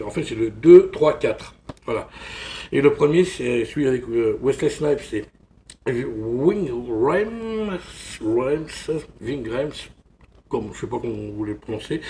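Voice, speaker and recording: Man from France, casual unboxing vlogger, gravelly, rambling, filler-heavy delivery. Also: medium pitch, darkish tone, a little hiss or hum. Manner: chatty, rambling, constantly saying voilà. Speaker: film collector vlogger.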